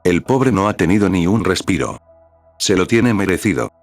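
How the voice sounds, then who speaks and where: A man's voice: sits low, lively intonation, moderate pace, no room sound, soft background music. A man voicing a sardonic young woman.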